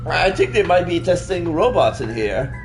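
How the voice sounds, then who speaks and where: Man doing animated game commentary. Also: a little high, moderate pace. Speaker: let's play streamer. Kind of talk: casual game commentary, reading dialogue aloud. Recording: background music under the voice.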